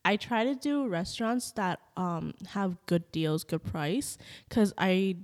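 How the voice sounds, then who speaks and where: A woman's voice: mid-range voice, animated, slow pace. A young woman gives a casual, chatty food review. She talks informally and feels her way through her thoughts with lots of "like". The room rings with long reverb. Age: young adult. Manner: hesitant, informal, frequent "like". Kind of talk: casual food review chat while tasting.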